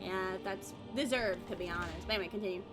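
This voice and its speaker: A young woman co-hosting a gaming stream, chatting casually and throwing in quick reactions. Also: medium pitch. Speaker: streamer co-host. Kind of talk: casual chat over a gameplay stream. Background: game music.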